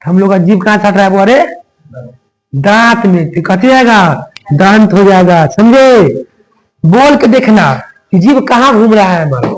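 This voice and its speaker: In poor-quality audio, a man with a high-sitting voice teaches grammar, sounding out letters one at a time and quizzing his students with repeated questions.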